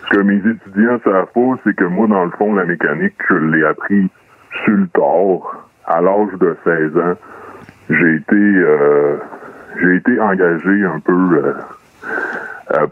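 A man with a disguised, pitched-down voice, telling his story as a radio guest in a halting way with many pauses. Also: dry recording. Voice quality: hesitant, many filler pauses. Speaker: radio guest, mechanics teacher. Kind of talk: casual radio call-in confession. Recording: thin phone-like line, dry.

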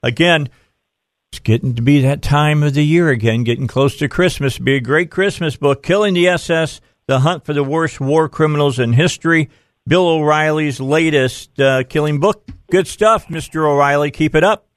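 A man's voice: fairly high pitch, normal speed, no room sound, clean studio sound. A man hosting a political talk radio show in an informal, folksy, conversational way. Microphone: close studio microphone.

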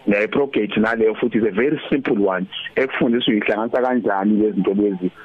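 Fast, husky Zulu-accented man. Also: on the low side, narrow, tinny audio. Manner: switches in English words and phrases. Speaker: radio guest, digital skills advocate. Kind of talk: casual radio interview, explaining.

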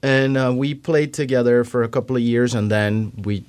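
A man from Miami, Florida, a drummer telling his story in a casual interview, easygoing and halting with ums and uhs. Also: medium pitch, a little mellow, clear, resonant tone. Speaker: drummer, guest.

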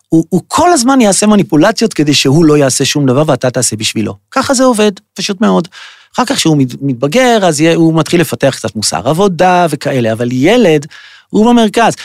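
Brief: man with a fairly high voice, lecturing in a lively, mocking way; close mic, dry room. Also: dry recording. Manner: animated, mocking, full of acted voices. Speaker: podcast host. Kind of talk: lecture-like monologue.

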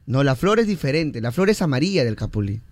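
A man with a Peruvian accent, co-hosting a radio show in excitable, playful joking banter. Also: mid-range voice, fast, dry recording. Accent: Peruvian Spanish. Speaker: radio co-host. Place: radio studio.

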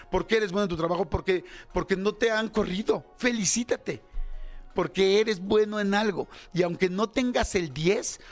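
A radio host in his fifties with a Mexican Spanish accent speaks in a casual, candid monologue, often stopping to reach for fillers. His voice sits a little high for a man. Faint music plays under him. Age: 50s. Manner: candid, self-critical, chatty with many fillers.

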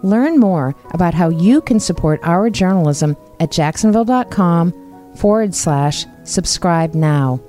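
A woman investigative reporter narrating a podcast in a measured, earnest scripted read. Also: on the low side, lively intonation, warm tone, soft background music.

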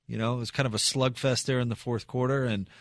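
A man's voice: mid-range voice, fast, no echo, clean studio sound. Tired-sounding male sports radio host. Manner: relaxed, tired late-night delivery with fillers. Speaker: postgame show host. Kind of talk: sports talk.

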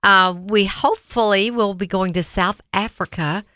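Uma mulher com sotaque do sul dos Estados Unidos, leiloeira e coapresentadora, falando descontraída com muitos "um". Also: female voice, mid-range voice, normal speed, no room sound, clean studio sound. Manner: relaxed, with frequent ums. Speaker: auctioneer and co-host. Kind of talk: casual radio talk.

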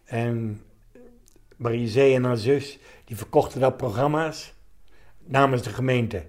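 An elderly man reminisces in a relaxed interview setting. He tells his anecdotes haltingly, in short fragments. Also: mid-range voice. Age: 70s. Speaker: interviewee, retired commando veteran.

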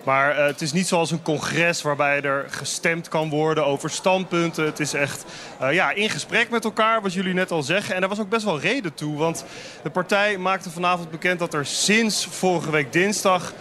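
A man with a fairly high voice delivers a live report to the studio. He talks in a steady, measured way, often pausing on filler sounds. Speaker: field reporter.

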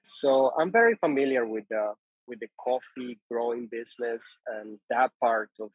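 Colombian-born man, husky and halting. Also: medium pitch, dry recording, muffled recording. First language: Spanish. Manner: halting, many restarts and repeated words. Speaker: guest, coffee importer. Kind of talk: conversational interview.

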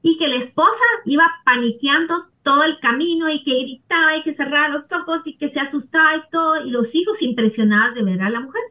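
A woman's voice: sits high, brisk, hardly any pauses, recorded from a distance. A woman therapist, a podcast guest, explaining relationship habits through stories, often asking "right?". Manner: storytelling, warm tag questions. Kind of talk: conversational explaining with anecdotes.

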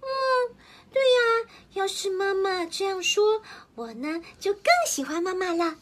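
A very high, sweet voice of a small child in a storybook, telling what it wishes its mother would say with earnest, childlike sincerity, as a woman puts it on. Each line sounds simple, tender and a little shy. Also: lively intonation, measured pace.

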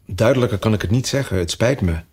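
A man's voice: on the low side, fast, darkish tone, slightly rough. A man voicing a shy, very polite, confused young girl in a storybook reading. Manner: timid and very polite.

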